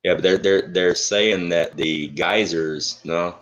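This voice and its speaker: A very low-voiced man talks loosely and rambles as he hosts a live online show. His video call audio is choppy and keeps breaking up, with words dropping out. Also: steady tone, slow, fairly bright tone, lo-fi sound. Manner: rambling, loose, swears freely. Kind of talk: casual live-stream chat.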